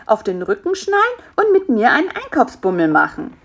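A scheming little fly, as a woman reads him out, squeaks high and swoops wildly up and down. He is bossy and impatient, always pushing his next plan in this storybook tale. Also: wildly swooping pitch, normal speed, full character voice. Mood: scolding. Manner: bossy, eager, talks people into plans. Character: clever pushy male fly, scheming and impatient. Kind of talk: storybook character voice.

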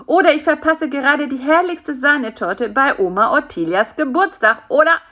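Bisi, a shrill whiny fly, as a woman reader puts him on. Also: expressive, normal speed, pushed and bright. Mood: dramatic. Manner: pleading, chattering, dramatic. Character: whiny, nagging male fly, small and self-important.

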